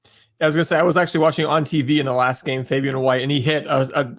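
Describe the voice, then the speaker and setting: Casting note: male podcast co-host, rapid excitable casual delivery. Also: medium pitch. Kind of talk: casual sports podcast chat.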